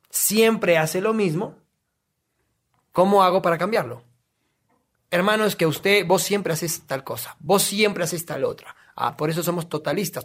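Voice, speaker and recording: Guy on a podcast, kinda high voice with lots of gravel, keeps asking and answering himself. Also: a bit bright. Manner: emphatic, asks himself questions and answers. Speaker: guest explaining reprogramming. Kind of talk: casual podcast explanation.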